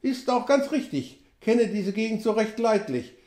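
Casting: Mann als schwatzhafter alter Westmann, hohe Stimme, knappe Umgangssprache, hallig. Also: male voice, high-pitched, expressive, moderate pace, a little mellow, pitched above the performer's own voice. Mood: indignant. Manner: colloquial, drops pronouns, exclaims often. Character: chatty, folksy old male frontier trapper. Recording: roomy echo.

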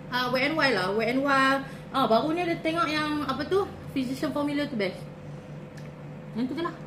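A woman's voice: high voice, fairly quick. Woman, late 20s, northern Malaysian Malay accent, talking while chewing, casual vlogger chat, noisy background. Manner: relaxed, offhand, mixes in English words. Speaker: beauty vlogger host. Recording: echoey room with background noise.

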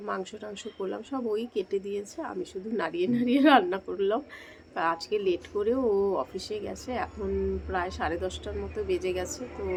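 A woman in her thirties with a Bengali accent, vlogging at home while sick with a cold and a blocked nose, speaking softly to spare her sore throat. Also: mid-range voice, creaky, slight background noise, poor audio. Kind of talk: casual home vlog narration.

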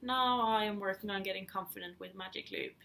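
A Swedish woman in her thirties, speaking with a Swedish accent, hosts a podcast from her living room, chatting casually and a little hesitantly about knitting in vlog style. Her voice is medium in pitch and brisk, with a gravelly, sharp tone.

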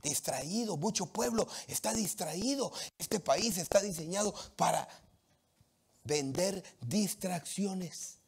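A man from Latin America preaching a sermon, animated and emphatic, with humorous anecdotes from the street. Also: sits high, slow, vocal fry, husky.

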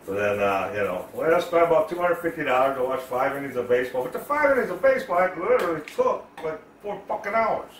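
A man's voice: fairly high pitch, big pitch swings, quick pace, hardly any pauses, a little hiss or hum. Guy cussing thru a long rambly story while cooking, echoey kitchen, kinda far from the mic. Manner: profane, rambling, loud storyteller. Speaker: cooking vlogger.

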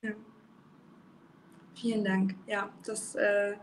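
A woman's voice: medium pitch, flat delivery, slow, a little hiss or hum. A woman hosting a podcast, asking encouraging, reflective questions over a video call with frequent fillers. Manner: warm, encouraging questioner, often says "ähm". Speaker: podcast host. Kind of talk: casual conversational interview. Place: room with sloped ceiling.

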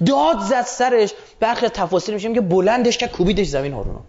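Emphatic high-voiced male lecturer, dull recording. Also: lively intonation, a little mellow, reverberant, a little hiss or hum. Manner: emphatic, colloquial, with rhetorical questions. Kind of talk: religious lecture to an audience.

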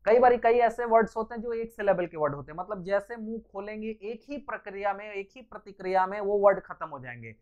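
A man's voice: high voice, animated, fairly quick, few pauses, darkish tone. A male English teacher giving a classroom lecture, patiently explaining and spelling out words letter by letter. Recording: slightly dull lo-fi recording.

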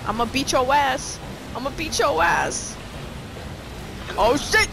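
Excitable swearing woman gamer, lively pitch. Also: slow, background noise. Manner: excitable, swearing, laughing, fangirling. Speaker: gamer playing a horror game. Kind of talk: let's play commentary.

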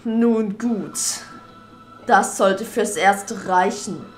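A woman voicing a menacing dark lord villain while reading game dialogue aloud, with slow, drawn-out, theatrical threats. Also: mid-range voice, faint music behind.

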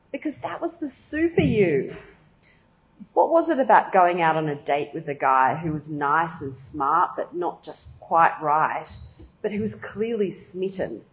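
A woman's voice: low-pitched, low-quality recording. A woman author reading her novel aloud at a bookshop event, in a dry, wry manner.

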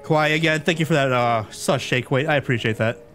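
A man streaming a game live, chatting excitably with viewers and laughing often. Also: medium pitch, a little fast, faint music behind.

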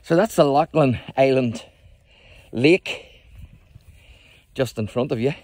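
Man, middle-aged, enthusiastic tour guide, raspy, outdoors on a phone. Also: medium pitch, slow, a little mellow, dry recording. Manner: chatty, enthusiastic, addresses viewers as folks. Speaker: history trail guide. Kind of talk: casual walking tour vlog. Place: outdoors in a rural graveyard.

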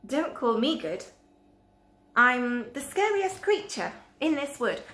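A woman voicing a small, clever, boastful male mouse from a children's story, brisk and cheeky. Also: high voice, big pitch swings, a bit bright, slight background noise, exaggerated voice. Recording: echoey room.

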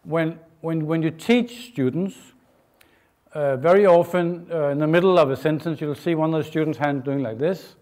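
A middle-aged man from Denmark, giving a university lecture in an informal, halting way with many fillers and restarts. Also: fairly high pitch, a little mellow. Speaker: guest lecturer. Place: lecture hall, indoors.

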